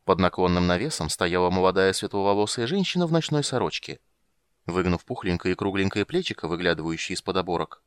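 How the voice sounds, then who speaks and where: A man narrates a fantasy story with a low, lively voice that rises and falls with the action. His reading is expressive and steady. The recording is dry and close to the mic. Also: no room sound. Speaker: audiobook narrator. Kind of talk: scripted narration.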